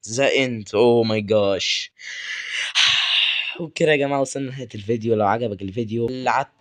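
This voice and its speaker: Racing through his commentary in a bright, forceful, medium-pitched voice, a young male gaming YouTuber plays a horror game. He has an Egyptian Arabic accent and alternates between nervously muttering prayers and taunting the game.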